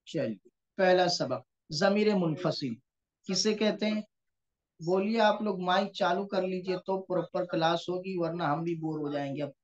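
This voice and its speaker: A man's voice: high voice, normal speed. Man teaching an online grammar class. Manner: explains patiently, often checks in with the students. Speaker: Quranic Arabic teacher. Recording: dull lo-fi online class audio.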